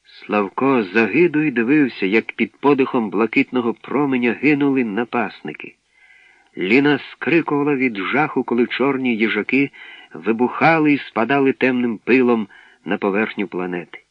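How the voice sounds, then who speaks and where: A man reading an audiobook in a steady, even manner, on a dull, dry recording. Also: medium pitch, moderate pace, no room sound. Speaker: narrator. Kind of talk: audiobook narration.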